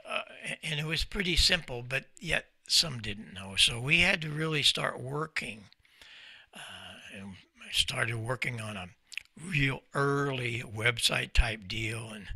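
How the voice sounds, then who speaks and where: Seated at his desk in a small indoor ham radio room, a company founder in his 70s or older tells stories in a folksy, emphatic way during an informal talk. This older American man has a medium-pitched, animated, slightly slow voice that's creaky, sharp and a little rough. The close desk mic in front gives a dry recording.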